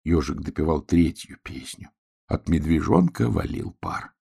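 A man reading a children's storybook tale aloud, with expressive, animated storytelling. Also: rumbling low, unhurried, creaky, breathy edge. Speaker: narrator.

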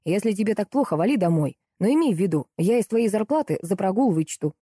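A woman's voice: mid-range voice, lively intonation, quick pace, dark tone, breathy edge, no room sound. Lady voicing a rude hotheaded young butcher guy, slangy and threatening, dry close sound. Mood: contemptuous. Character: rude hot-tempered young male butcher.

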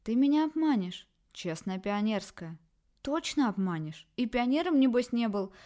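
Female reader as a cautious, stubborn young woman, lifted higher than the narration. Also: very animated, normal speed, warm tone. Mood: teasing. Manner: stubborn, bargaining. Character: prim, cautious young woman, top student. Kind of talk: audiobook character voice.

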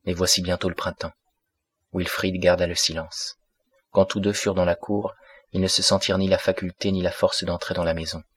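A man narrating a classic novel as an audiobook in a measured, steady way, close to the mic. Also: low-pitched, husky, no room sound.

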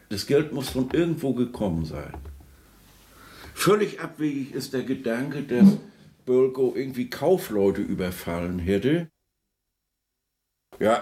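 In a radio play, a man offers spontaneous, musing commentary on a composer's life and work. His mellow, medium-pitched voice is halting and searching, and he often tags his remarks with a questioning particle to check in.

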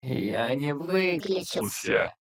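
A man putting on a creaky, squeaky rusty robot. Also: lively intonation. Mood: sneering. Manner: mocking, drawn-out, condescending. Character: grumpy sarcastic male robot, creaky and squeaky. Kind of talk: audiobook narration with character voices.

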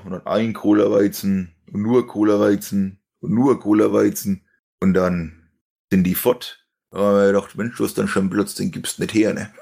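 A young man, his low voice rough with gravelly fry. He tells long, rambling stories in a loose chat, stumbling over fillers and breaking into laughter. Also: darkish tone. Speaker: stream host telling a story. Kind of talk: casual storytelling chat.

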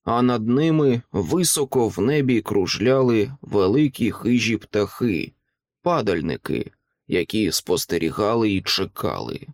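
A man's voice: on the low side, lively intonation, unhurried, dry recording. Man reading a fantasy novel aloud. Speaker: audiobook reader.

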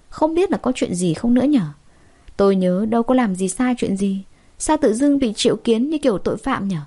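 A woman narrating a first-person story with expressive, chatty asides. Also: mid-range voice.

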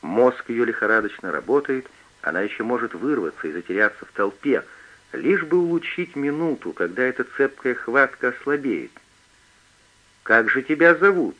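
Male audiobook narrator, expressive and animated, muffled lo-fi sound. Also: medium pitch, moderate pace. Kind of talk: scripted narration.

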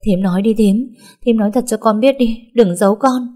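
A woman's voice: medium pitch, a little fast, warm tone, natural voice. A woman voicing a young mother who pleads urgently to see her son in a story. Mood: pleading.

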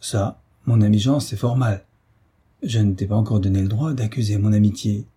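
A man's voice: fairly low pitch, fairly even intonation, normal speed, mellow, slightly rough. A man voicing a grave, worried young cavalry officer who speaks in a subdued way, in a read-aloud historical novel.

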